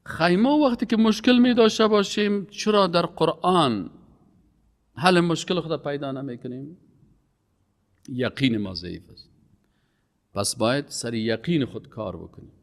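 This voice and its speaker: A man giving an emphatic religious lecture, his voice rising on key words and dropping low. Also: long pauses. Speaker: Quran teacher. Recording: long hall reverb.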